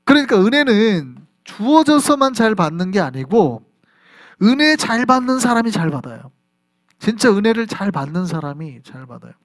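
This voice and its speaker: A man from South Korea, a pastor preaching an animated sermon at a Friday prayer service in church. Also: high voice. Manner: animated preaching, acts out voices and reactions. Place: church sanctuary.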